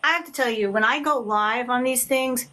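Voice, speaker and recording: A woman in her fifties, an author, chatting loudly and effusively on a live stream. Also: fairly high pitch, moderate pace. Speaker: author guest. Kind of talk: casual live-stream chat.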